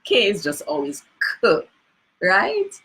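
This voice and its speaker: A woman's voice: mid-range voice, wildly swooping pitch, slow pace, a bit bright, husky, rough recording. A woman with a Jamaican accent presenting a lesson on reading Jamaican spelling, patiently drawing out example sounds and checking in with her listeners. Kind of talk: spoken lesson on pronunciation.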